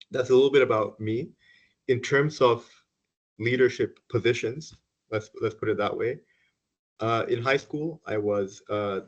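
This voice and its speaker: A man from Finland, the keynote speaker, introducing himself on a video call in a relaxed, joking way. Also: lowish voice. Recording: dull lo-fi call audio.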